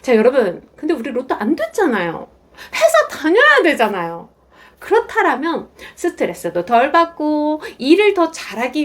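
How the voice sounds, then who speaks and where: Lively high-voiced woman lecturer. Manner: animated, acts out quoted voices. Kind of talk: motivational talk to camera.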